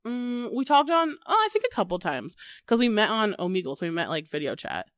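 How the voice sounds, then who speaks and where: A woman's voice: medium pitch, sing-song, brisk, dry recording, clean studio sound. A young woman with a Midwestern accent, co-hosting a podcast in casual, giggly chat full of "like". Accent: Midwestern American. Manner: giggly, rambling, heavy on "like". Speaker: podcast co-host.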